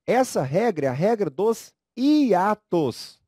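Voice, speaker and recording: A man with a Brazilian Portuguese accent teaching a recorded grammar lecture, speaking slowly and emphatically, drawing out syllables and coaxing students to read aloud. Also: high-pitched, sing-song, warm tone, husky, dry recording, studio quality. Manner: slow, emphatic, drawn-out syllables.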